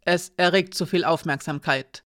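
A spirited young woman thinks out loud, quick to act and a little brash, rising in force as she argues her case, voiced by an audiobook reader. The recording is dry and close. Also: mid-range voice, no room sound, natural voice. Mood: downcast. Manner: lively, talks aloud while thinking.

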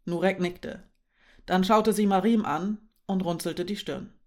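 A woman reading a German novel aloud in calm, steady scripted narration. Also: fairly low pitch, measured pace. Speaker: audiobook narrator.

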